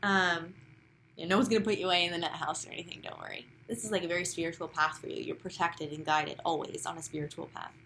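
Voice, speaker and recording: A young woman giving a casual, chatty tarot reading, enthusiastic and sometimes dropping to soft near-whispers. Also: on the low side, fairly even intonation, fast, creaky, a little hiss or hum. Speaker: tarot card reader.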